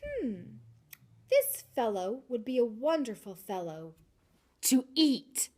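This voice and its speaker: A woman voicing a wicked, cunning old witch in a read-aloud fairy tale, with a slow, drawn-out old-lady voice. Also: a little high, wildly swooping pitch, darkish tone, voice pushed down, exaggerated voice. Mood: gloating.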